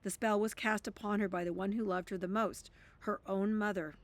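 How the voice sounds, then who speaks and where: A woman's voice: mid-range voice, steady tone, normal speed. A woman who reads passages from a self-help book aloud and breaks off into emphatic, blunt commentary.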